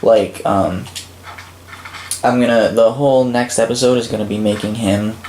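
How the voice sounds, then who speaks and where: A man's voice: fairly low pitch, normal speed. A man casually narrating a gameplay walkthrough of a level he built, rambling with frequent fillers. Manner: relaxed, rambling, many "um"s and "like"s. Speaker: game creator and channel host. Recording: roomy with faint background noise.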